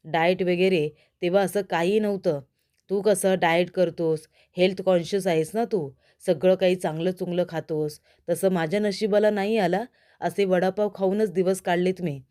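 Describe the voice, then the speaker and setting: A woman's voice: lowish voice, steady tone, normal speed, mellow, close to an everyday voice. A woman voicing a scheming male villain from a TV serial who taunts and threatens in a mocking, gloating way.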